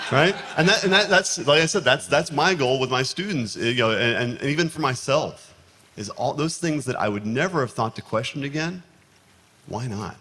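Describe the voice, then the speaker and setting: A teacher on a panel, speaking haltingly with many restarts and fillers. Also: male voice, medium pitch, expressive, sharp tone, big-room sound. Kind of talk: panel discussion.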